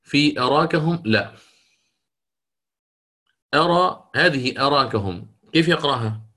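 A man's voice: fairly high pitch, animated, a little slow, sharp tone. A man teaching Quran recitation rules in a lecture, explaining step by step, asking his students questions and chanting the verses he quotes.

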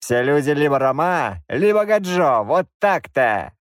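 Brief: male narrator as a sneering Roma heavy, calm threat, lively swings in pitch, dry audiobook. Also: measured pace, clean tone, dry recording. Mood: mocking. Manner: mocking, calm, drawn out. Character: grim middle-aged male Roma, mocking and menacing.

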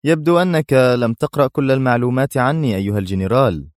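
A man's voice: mid-range voice, fast, darkish tone, no room sound, clean studio sound, voice pushed up, lightly acted. A man reading a story, voicing a captive male spy who mocks his captor coolly. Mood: sarcastic. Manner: sarcastic, cool.

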